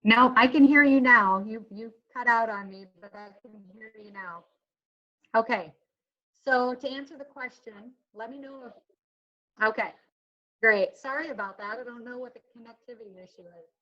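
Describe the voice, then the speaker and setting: A woman's fairly high voice comes through a video call, the audio dull and lo-fi. She presents in a webinar for a child welfare agency. She talks in a halting way, with frequent ums and self-corrections. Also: pushed and bright. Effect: heard over a video call.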